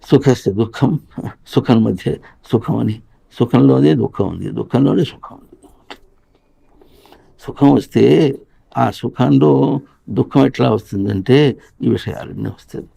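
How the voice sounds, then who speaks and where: A man teaches in a spiritual discourse, his voice deeply gravelly and dark in tone. He draws song lines out slowly in a chant and keeps asking his listeners rhetorical questions.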